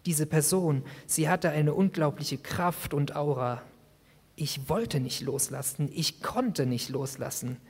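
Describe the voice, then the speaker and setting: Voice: medium pitch, takes it slowly, a little mellow, breathy edge. A youth preacher giving a sermon, retelling a story dramatically in the first person. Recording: long hall reverb.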